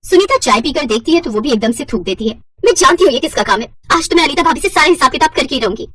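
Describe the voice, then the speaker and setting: Woman voicing a hot-tempered rival daughter-in-law, high-pitched, indignant, slightly distant. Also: expressive, very fast, fairly bright tone.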